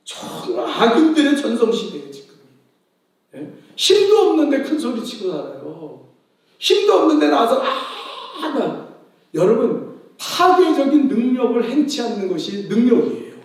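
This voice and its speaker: A man preaching a sermon as pastor, animated, firing rhetorical questions at the congregation and acting out the people in his stories. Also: extremely high pitch, normal speed. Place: church sanctuary. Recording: very echoey hall, voice from a distance.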